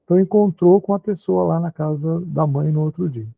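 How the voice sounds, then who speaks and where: Brazilian male teacher, lively chatty lecture, raspy voice, phone-line audio. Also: fairly quick, no echo. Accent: Brazilian Portuguese. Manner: chatty, animated, acts out dialogues with high put-on voices. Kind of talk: online class lecture. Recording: tinny phone-like call audio.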